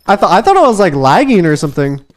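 A woman chatting excitedly while streaming a game, swearing and laughing often, thanking viewers as she plays. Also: on the low side, quick pace.

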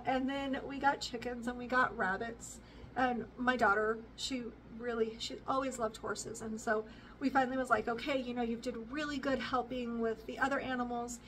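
A chatty woman in her forties talks casually to a camera set back in her living room, rambling along with fillers and little laughs. Her voice sits fairly high, and it sounds a bit distant, with faint room noise behind it. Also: fairly bright tone. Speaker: homestead vlogger. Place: living room with bookshelves, indoors.

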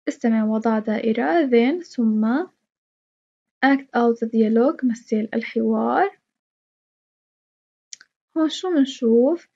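A woman's voice: a little high, vocal fry, dark tone, breathy edge, muffled recording. A woman with a Levantine Arabic accent teaching an English lesson. She explains step by step, repeats English words with their Arabic meanings and praises her students.

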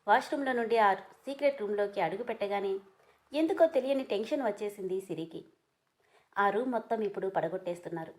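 A woman's voice: mid-range voice, quick pace. Woman narrating a heartfelt story. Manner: steady expressive narration.

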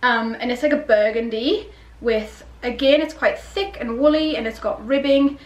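A woman's voice: a little high, moderate pace. A middle-aged woman chatting casually and rambling a little, asking herself questions, as in a clothing haul vlog. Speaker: vlogger. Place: small bedroom, indoors. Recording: roomy bedroom echo.

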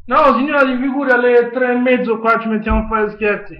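Very high-pitched southern Italian man, pleading. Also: steady tone, brisk. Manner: pleading, hesitant, insistent. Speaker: prank caller. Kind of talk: improvised phone prank chat. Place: small home kitchen, indoors. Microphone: webcam at arm's length. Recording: dull webcam sound, echoey room.

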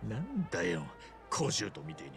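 An actor playing an impatient, hot-headed gangster hero in a video game, with rough, blunt, slangy speech. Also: male voice, on the low side, huge pitch swings, normal speed, music in the background, full character voice. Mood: grumbling. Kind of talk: video game drama acting.

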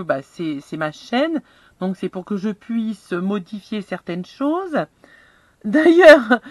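A middle-aged woman with a slightly high voice vlogs from inside her camper van, with no echo on the recording. She chats casually and pokes fun at herself while walking viewers through a screen step by step.

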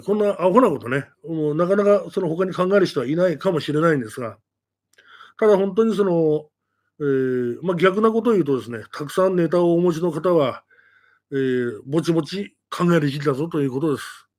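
A man with a high voice that swings widely up and down, telling ghost stories and addressing his audience in an animated announcement. He talks casually and keeps throwing rhetorical questions at his listeners. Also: a little fast.

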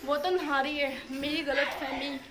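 A woman's voice: sits high, steady tone, unhurried, background noise. A young woman chatting casually to her phone camera in a home vlog, narrating her day. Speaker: vlogger. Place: family home, outdoors in a courtyard. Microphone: phone camera on a stand.

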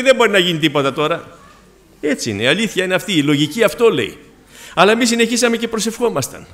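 A man's voice: sits high, fairly bright tone. Fervent Greek preacher, man. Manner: storytelling, rising to fervent emphasis. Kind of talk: sermon.

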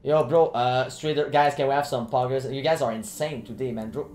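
A woman streaming a game, commenting live with loud excited bursts, frequent laughter and profane slangy chatter. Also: rumbling low, fairly quick. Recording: roomy echo with faint keyboard typing.

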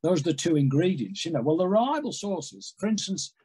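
Older man, husky voice, lively swooping pitch, chatty storyteller, video call audio. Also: a little fast, low-quality recording. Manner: animated, rambling storyteller with big hand gestures. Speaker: guest, music industry executive. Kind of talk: casual interview chat. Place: home room with framed records on wall.

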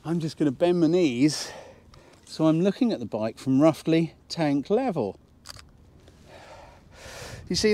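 A British man in his fifties with a squeaky voice from a cold, chatting casually and jokily as he teaches outdoors, often asking rhetorical questions. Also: darkish tone, a little hiss or hum. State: has a cold. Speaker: photography instructor and presenter. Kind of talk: casual instructional talk to camera. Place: outdoors at a waterside harbour slipway.

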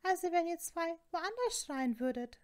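Brief: a woman reading as a haughty talking portrait lady, very high and shrill, loud, scolding. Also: animated, unhurried. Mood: indignant.

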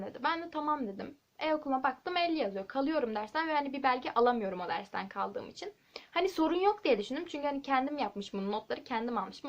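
Teen girl vlogger, rapid chatty storytelling, slightly high voice. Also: lo-fi sound. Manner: chatty, animated storytelling with asides. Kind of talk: casual chat to camera. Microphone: handheld camera.

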